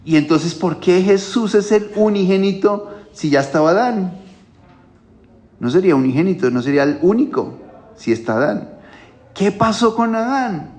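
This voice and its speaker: A man's voice: high voice, animated, normal speed, darkish tone. A male pastor giving a Bible teaching at a home church, explaining things step by step and often checking in with his listeners.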